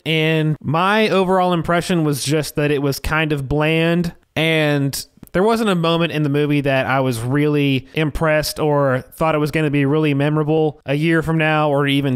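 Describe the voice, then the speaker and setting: Smooth, higher-pitched American man chatting. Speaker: podcast panelist. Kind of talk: casual chat.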